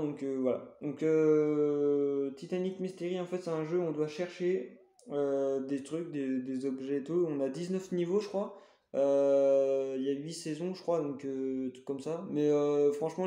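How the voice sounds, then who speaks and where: In a reverberant space, a man with a mellow voice on the high side gives a casual show-and-tell of his games. His delivery is hesitant, peppered with fillers and self-corrections.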